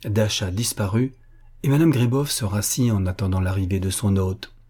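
Dark husky male storyteller. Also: fairly low pitch. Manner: steady, measured reading. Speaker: audiobook narrator. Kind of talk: scripted narration of a classic novel.

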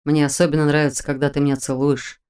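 A woman's voice: low-pitched, flat delivery, fast, darkish tone, clean tone, pitched below the performer's own voice, natural voice. Woman voicing a grumbling sick general. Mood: teasing. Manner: grumbling, wry. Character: weak bedridden male general, grumbling and teasing.

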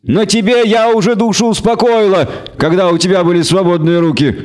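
A man's voice: high-pitched, steady tone, a little fast, darkish tone, pitched above the performer's own voice, close to an everyday voice. A fierce young elf woman in an audiobook spits hissed threats in a tense, raised voice. Scorn drips from every word; a male narrator puts her on. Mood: hissing scorn. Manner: hissing, contemptuous.

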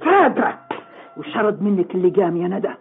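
A domineering mother, scolding and threatening. The voice is rough and husky with big swings in pitch, on a thin old radio drama recording. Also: sing-song, fairly quick, narrow, tinny audio, faint music behind. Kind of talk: Arabic radio drama acting.

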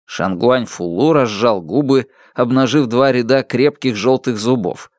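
A man's voice: mid-range voice, a little slow, darkish tone, no echo, clean studio sound. A man reading a novel aloud as an audiobook narrator, telling the story expressively.

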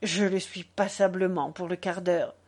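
A woman reading aloud who voices an ardent, troubled young man, lowering and hushing her voice. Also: steady tone, measured pace. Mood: wry. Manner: lowered, hushed voice.

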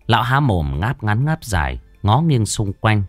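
A man narrating a story in a lively, expressive way into a close mic. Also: fairly low pitch, a little slow, dry recording, soft background music.

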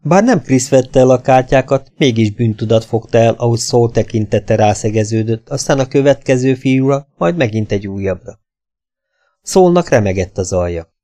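A man narrating an audiobook in a steady, measured reading voice. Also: medium pitch.

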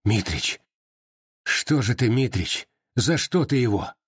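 A man's voice: mid-range voice, animated, slow pace, breathy edge, no room sound, studio quality. Man voicing a frightened, pleading soldier. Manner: anxious, pleading. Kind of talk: audiobook character voice.

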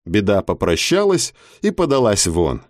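A man reading an audiobook in an expressive, measured narration. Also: fairly low pitch, no echo, clean studio sound.

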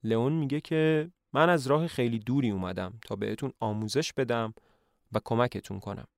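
A man's voice: mid-range voice, gravelly, no echo, studio quality. Man casually retelling a play. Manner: lively, conversational retelling. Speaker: podcast narrator.

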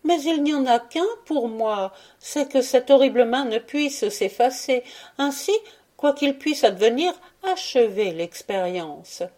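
A devoted young wife, as a woman reading an audiobook gives her voice speaks with earnest firmness. Her voice rises well above the narration, higher and brighter, pleading yet steady. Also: a little slow.

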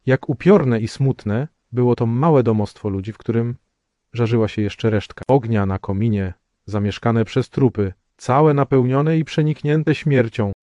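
A man narrates a novel in a measured, solemn way. His voice is dark and mellow, recorded dry and close, with a dull lo-fi sound. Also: medium pitch, no room sound. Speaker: audiobook narrator. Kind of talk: scripted narration.

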